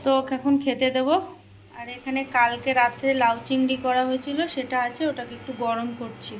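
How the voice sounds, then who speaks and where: A daily vlogger from India speaks casually and directly to her viewers from her home kitchen, saying "I mean" a lot. Her voice is high-pitched and flat, a little fast, with a touch of hiss or hum in the recording.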